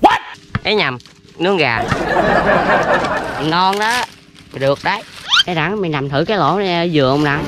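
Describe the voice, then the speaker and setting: A woman's voice: low-pitched, lively intonation, a little fast, long pauses, heavy background noise. A woman co-hosting a casual outdoor cooking vlog, teasing and ribbing her friends. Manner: teasing, sarcastic. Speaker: vlog co-host. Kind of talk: casual banter. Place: outdoors in the countryside.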